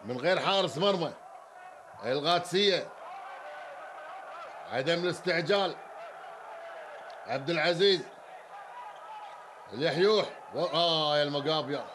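An excitable man with a Kuwaiti Arabic accent calls a handball match live. His voice sits high, he often breaks into shouts and repeats the same phrase several times, and faint background noise runs underneath. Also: normal speed, pauses often. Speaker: handball commentator. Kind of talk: live sports commentary.

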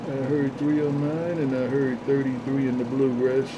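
A man acting as a CB radio operator chants call signs and catchphrases over and over on a radio channel. His medium-pitched voice stays level at a normal speed, and the CB audio is noisy and dull.

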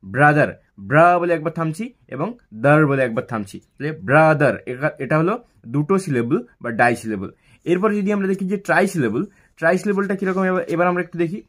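A man explains English grammar like a classroom teacher, speaking at a fairly high pitch. He poses a question, then answers it. He breaks example words into slow, separate syllables. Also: animated, fairly bright tone. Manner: repeats words slowly, syllable by syllable.

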